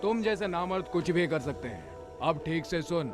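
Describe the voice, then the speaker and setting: A man dubbing a witty, tough young hero who teases and threatens calmly, in a film dub. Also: fairly high pitch, moderate pace, music in the background, natural voice. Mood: coldly threatening. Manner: teasing, then coldly threatening. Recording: film score under dialogue.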